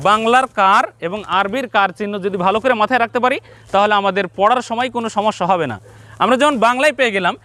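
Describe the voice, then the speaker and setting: With a high-sitting, sharp voice and no room sound, a male Quran teacher walks viewers through a reading lesson step by step. He has a Bangladeshi Bengali accent, repeats each point slowly, and talks to the audience directly.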